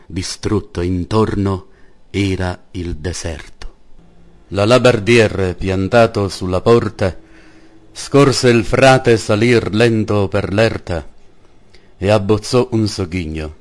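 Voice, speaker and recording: Slow, low-voiced solemn male narrator. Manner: declamatory, old-fashioned literary phrasing. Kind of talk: solemn scripted story narration.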